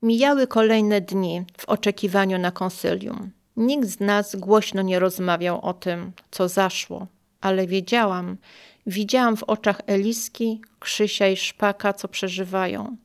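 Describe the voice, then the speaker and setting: An older woman reads her personal memoir aloud at an unhurried, deliberate pace. Her voice is smooth and clear, and her delivery is calm, measured and quietly emotional. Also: mid-range voice. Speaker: memoir narrator.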